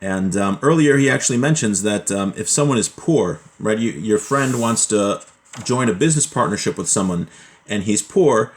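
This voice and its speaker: A Torah teacher with a lowish voice and moderate pace explains laws from a Hebrew text. He reads the Hebrew passages aloud and then lays them out plainly in English, relaxed and full of fillers and self-corrections.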